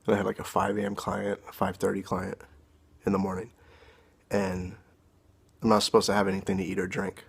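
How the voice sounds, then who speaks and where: Young man, earnest testimony, low flat delivery, husky, phone-recorded. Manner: earnest, halting and emotional. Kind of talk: emotional personal testimony. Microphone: phone camera.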